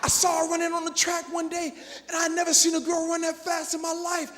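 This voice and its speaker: A middle-aged man with a high voice speaks in a preacher-like style at a motivational keynote. He swings from quiet, drawn-out asides to shouted appeals. His words ring out with a long reverb across a large hall. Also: completely flat delivery.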